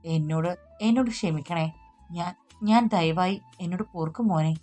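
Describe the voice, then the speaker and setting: A woman's voice: lowish voice, soft background music, close to an everyday voice. A woman voicing a distraught older mother who stammers out pleas for forgiveness in an audiobook story. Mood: sobbing remorse. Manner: broken, pleading, halting repeats.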